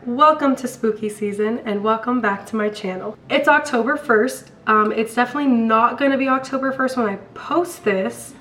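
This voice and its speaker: Casual storytime vlogger: young American female, slightly high voice with a hoarse smoker's rasp from illness, informal and rambling, faint music underneath. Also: normal speed, few pauses, fairly bright tone. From California, later Colorado, US. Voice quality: raspy, like a smoker's voice. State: sick with a hoarse voice.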